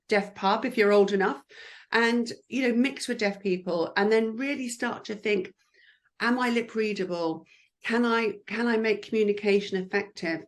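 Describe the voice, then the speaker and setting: A woman talks about her work as a lip speaker. She is upbeat and encouraging, and she scatters "um" and "you know" through her speech. Her pitch sits at an ordinary middle level for a woman. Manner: chatty and encouraging, with frequent fillers. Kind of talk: careers advice interview.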